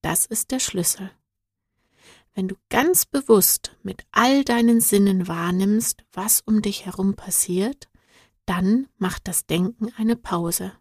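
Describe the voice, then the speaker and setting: A woman doing a gentle, whispering wise guide. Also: mid-range voice, takes it slowly, breathy edge, dry recording, clean studio sound. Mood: gentle, soothing. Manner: calm, soothing, at times whispered. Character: gentle wise male guide, patient teacher.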